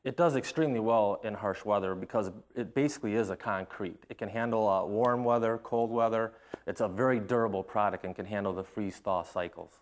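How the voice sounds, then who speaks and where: A man explaining a product in an interview as a trade representative, plain-spoken and somewhat halting. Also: lowish voice. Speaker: interviewed flooring company representative.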